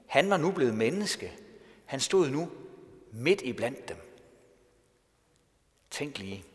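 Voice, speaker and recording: A male pastor giving a sermon in a storytelling way, asking rhetorical questions. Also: mid-range voice. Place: church. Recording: long church reverb.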